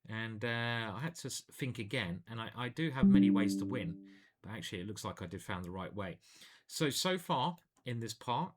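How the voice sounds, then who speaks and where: A chess grandmaster casually commentates his own online games, playful and chatty, humming and singing little jingles. His lowish voice is expressive and moves at a normal speed.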